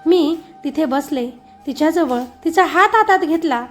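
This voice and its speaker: High-voiced woman narrating an emotional story. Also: animated, measured pace, faint music behind. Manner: emotional, grieving mother's voice. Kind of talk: scripted first-person story narration.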